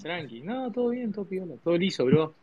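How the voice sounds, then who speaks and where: A man's voice: high-pitched, very animated, brisk, dull audio. A young man with an Argentine accent bantering with housemates, teasing and needling with laughs. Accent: Argentine Spanish. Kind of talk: casual banter among housemates. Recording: busy group chatter behind.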